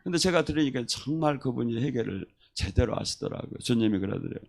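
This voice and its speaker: Man, pastor, sermon, lively storytelling, acts out quotes, mid-pitched, very expressive melody. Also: fast talker, creaky. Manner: animated storyteller who acts out quoted voices. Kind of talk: sermon with testimony stories.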